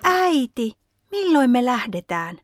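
A woman's voice: high voice, sing-song, no room sound, voice pushed up. A woman voicing a young boy who begs and sulks in a storybook reading. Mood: eager. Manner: pleading, whiny child voice. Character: young boy, eager then sulky.

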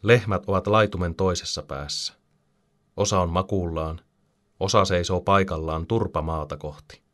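Brief: low-voiced male narrator, calm storybook delivery. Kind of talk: storybook reading.

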